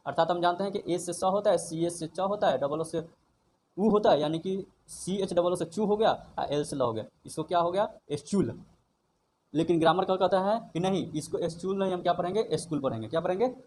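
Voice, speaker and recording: A man's voice: sits high, brisk, a little mellow, poor audio. A man teaching an English grammar lesson. He spells words out letter by letter, then asks and answers his own questions. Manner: drills each word letter by letter, asks and answers himself. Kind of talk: slow classroom-style lesson, repeating questions. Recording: faint background noise.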